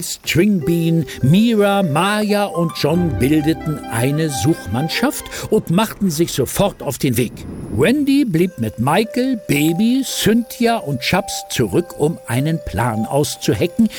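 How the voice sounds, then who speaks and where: Male narrator, children's story, expressive, lively intonation, loud music bed. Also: on the high side, takes it slowly.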